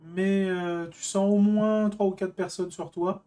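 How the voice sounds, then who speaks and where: Game master for a tabletop session, halting delivery, mid pitch, faint music underneath. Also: flat delivery, warm tone. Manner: hesitant, frequent filler sounds.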